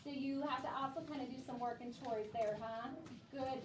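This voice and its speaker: A woman with a high, steady voice speaks at a moderate pace. She is a primary school teacher leading a classroom discussion with young children, encouraging them and repeating their answers back. The room is echoey, the mic distant, and background noise is clearly audible.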